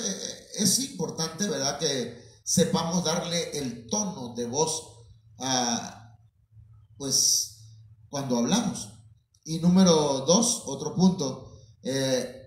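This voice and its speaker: A man from Mexico, a preacher, giving a teaching talk to his congregation, unhurried and full of fillers, often calling his listeners brothers. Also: on the high side, darkish tone. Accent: Mexican Spanish. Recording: very echoey room.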